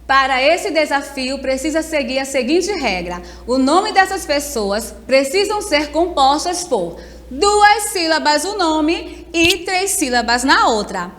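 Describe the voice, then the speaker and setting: A Brazilian woman teacher giving a remote lesson, explaining words slowly and patiently, sounding them out syllable by syllable. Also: high-pitched, very animated, a bit bright, in a large hall. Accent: Brazilian Portuguese.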